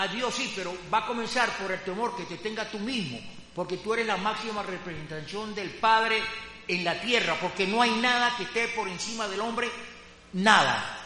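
Man, class participant, emphatic rambling testimony, bright tone, long hall reverb. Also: high-pitched. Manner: rambling, emphatic, repeats phrases. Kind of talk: spoken testimony in a religious class. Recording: roomy hall with faint hum.

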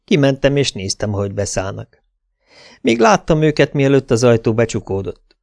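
A man's voice: medium pitch, sing-song, vocal fry, darkish tone, no room sound, clean studio sound. A man narrating a first-person audiobook in a laconic, wry way.

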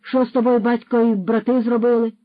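Pompous, loud-lecturing male horse thief, put on by the audiobook narrator, a bit higher than the narration, dull dry storybook audio. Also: level tone, a little fast, dry recording, lightly acted. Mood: scolding.

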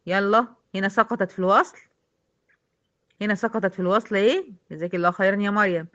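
A woman's voice: mid-range voice, pushed and bright, lo-fi sound. A woman with an Egyptian accent teaching a recitation lesson, patiently quizzing her female students step by step. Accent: Egyptian Arabic.

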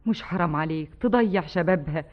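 An actress playing a worn-out, remorseful wife with an Egyptian accent, weary and urgent. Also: female voice, lowish voice, fast talker, close to an everyday voice. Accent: Egyptian Arabic. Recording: tinny narrow archive radio recording.

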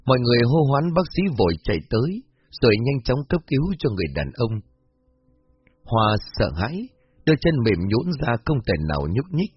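A man narrating a spooky story in a steady, even storytelling voice. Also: mid-range voice, brisk, breathy edge, muffled recording.

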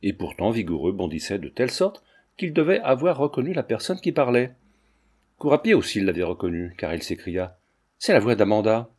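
A man reading a classic novel aloud as narrator, with measured, steady storytelling. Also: medium pitch, breathy edge. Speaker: audiobook narrator.

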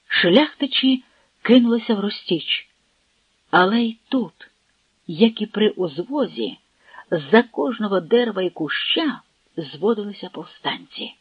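Audiobook narrator, slow dramatic reading, dry dull recording. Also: mid-range voice, slightly rough, no room sound. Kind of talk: audiobook narration of a historical novel.

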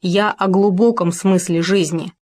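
A woman's voice: on the low side, fairly even intonation, a little slow, a little mellow. A woman reading a storybook, voicing a thoughtful male hamster who keeps asking about the meaning of life. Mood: earnest. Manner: earnest, insistent questioning.

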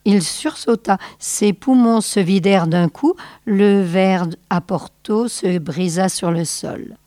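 A woman radio host reading a short story aloud, slow and measured. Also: medium pitch, warm tone, dry recording, clean studio sound.

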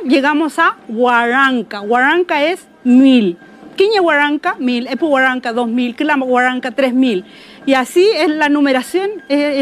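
High-voiced woman teaching words patiently. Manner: patient, repeats each word slowly, checks with "¿ya?". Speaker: Mapuche language teacher. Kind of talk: spoken language lesson.

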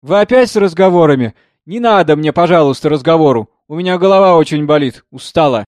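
A man voicing a prickly, worn-out young woman who sings with a harp in a tavern, speaking in a shrill, scolding way. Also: lively intonation, brisk, darkish tone, no echo. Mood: tired, curt.

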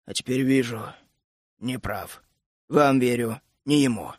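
A gruff, grumpy middle-aged dragon keeper, put on by a male audiobook narrator, grumbling and scolding with sudden hot outbursts. The voice sits lower than his narration and is recorded close and dry. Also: unhurried, dry recording, close to an everyday voice. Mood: gloomy. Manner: grumbling, scolding, bursts out hotly. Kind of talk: audiobook character voice.

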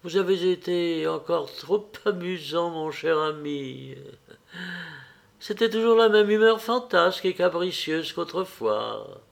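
A man voicing a young woman, a tender and wistful lover, in a soft, lifted voice in an audiobook reading. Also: a little high, lively intonation, slow pace, vocal fry, voice pushed up, exaggerated voice. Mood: cool polite.

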